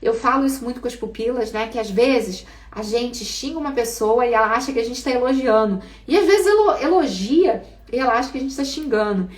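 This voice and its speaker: A woman with a Brazilian Portuguese accent teaching speaking skills in a live online class, lively and asking the class questions. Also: on the high side, fairly quick, hardly any pauses, recorded from a distance. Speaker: speaking coach. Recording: roomy, from off the mic.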